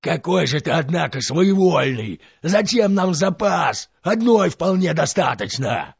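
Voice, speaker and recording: A man voicing a slow gravelly dragon-serpent. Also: on the high side, very animated, dry recording, dull audio, pitched above the performer's own voice, heavily acted. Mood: grumbling. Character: boastful clumsy male serpent-dragon.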